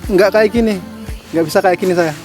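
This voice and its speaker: A man from Ngawi, speaking earnestly and haltingly as a camp participant. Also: sits high, a little mellow, soft background music. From Ngawi, East Java. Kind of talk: casual interview answers.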